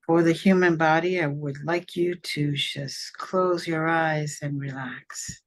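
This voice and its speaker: Female meditation guide, low register, very unhurried, soft and soothing, leaves long gaps. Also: fairly even intonation. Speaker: spiritual channeler leading a guided meditation.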